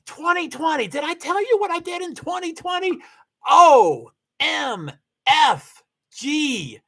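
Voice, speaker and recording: Here a Kentucky man runs a laid-back livestream, reading comments and chatting with viewers in a very high, slightly bright voice full of big pitch swings. He talks slowly, rambles, and keeps stopping to fix what he just said.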